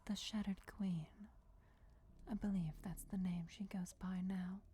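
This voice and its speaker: For a fantasy ASMR roleplay, a woman voices an ancient, regal, patient vampire deity in a soft, breathy whisper, lightly acted at medium pitch with fairly even intonation. Her mood is solemn and patient, her delivery slow, deliberate, formal and measured. Crypt ambience is clearly audible in the background.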